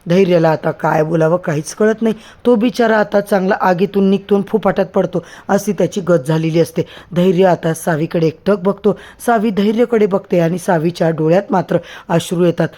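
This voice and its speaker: A man's voice: high-pitched, a little fast, warm tone. A man narrating a TV serial recap, addressing listeners as friends. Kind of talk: storytelling recap.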